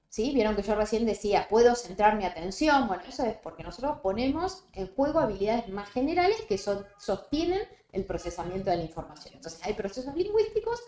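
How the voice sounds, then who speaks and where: A woman with a Rioplatense Spanish accent giving a seminar lecture, explaining step by step and often checking with a quick "¿sí?". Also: a little high, a little mellow. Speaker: lecturer on reading fluency. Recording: roomy echo.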